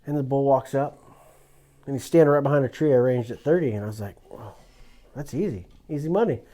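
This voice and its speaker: A man in a relaxed podcast conversation, spinning a hunting yarn with lively energy. He slips into the voices of the people in his story. His pitch sits at an ordinary middle height for a man. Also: fast. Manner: animated storyteller, acts out quoted lines. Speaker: guest telling hunting stories. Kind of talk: casual podcast chat.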